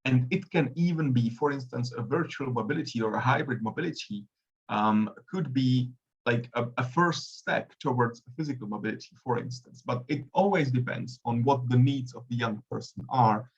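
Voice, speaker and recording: Husky man, muffled audio. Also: mid-range voice, normal speed. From Czech Republic. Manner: hesitant, many fillers. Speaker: panelist. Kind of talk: webinar discussion.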